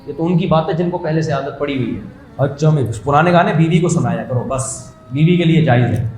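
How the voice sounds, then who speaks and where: Guy preaching, kinda high voice, chatty and jokey, roomy echo. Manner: conversational, jokey, builds to animated emphasis. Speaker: Islamic preacher. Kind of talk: humorous sermon storytelling.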